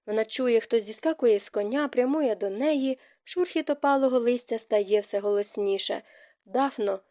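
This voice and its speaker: Brief: woman audiobook narrator, dramatic storytelling, fairly high mellow voice, dry close sound. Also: moderate pace, no room sound. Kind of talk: scripted narration.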